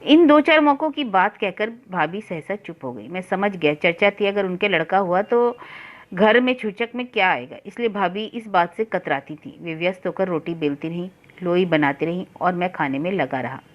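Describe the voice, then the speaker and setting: Woman reading a story chapter out loud, steady and measured, study channel vibe. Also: on the low side, highs cut off. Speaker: narrator. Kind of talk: reading a Hindi novel aloud for students.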